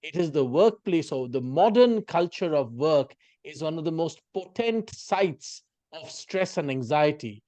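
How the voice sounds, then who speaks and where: A man from India with a slightly high voice, recorded close and dry. He puts questions as an interviewer in deliberate, formal and eloquent wording. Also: animated, mellow, no room sound. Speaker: interviewer, moderator.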